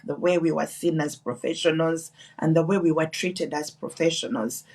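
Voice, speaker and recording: A woman's voice: deep voice, a little mellow, slightly rough, recorded from a distance. A woman from Uganda in her thirties, telling her story earnestly as an interview guest, with restarts and repeats. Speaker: guest, nurse and business owner. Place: online live broadcast.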